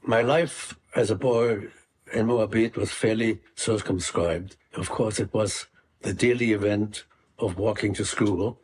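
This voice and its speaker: An older man from Hungary recounts his early years at an even, reflective pace. His voice sits somewhat low, and he pauses often between phrases as he remembers. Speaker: Holocaust survivor telling his story. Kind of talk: personal recollection.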